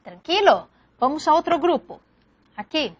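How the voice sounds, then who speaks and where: High-voiced woman teaching slowly. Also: sing-song, dull audio. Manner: patient, checks in with repeated reassurances. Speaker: language teacher. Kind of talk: classroom lecture.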